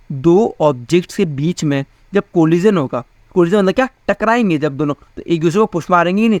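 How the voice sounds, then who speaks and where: A man's voice: sits high, no echo. A young man teaching a physics class in a casual, chatty way, often asking his students questions. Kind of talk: casual Hindi class lecture.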